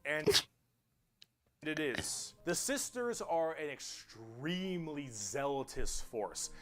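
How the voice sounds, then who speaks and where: A man's voice: fairly high pitch, expressive, slow, a bit bright. A man narrating an explainer video in a casual, jokey style, with an emphatic, colloquial delivery. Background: background music.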